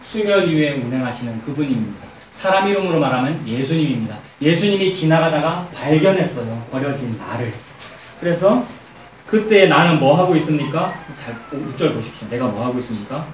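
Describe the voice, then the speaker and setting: A man preaching an expository sermon as a pastor, emphatic and animated, telling stories and asking the congregation rhetorical questions. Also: fairly high pitch, a little fast, slight background noise. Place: church sanctuary. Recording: echoey church hall, mic at a distance.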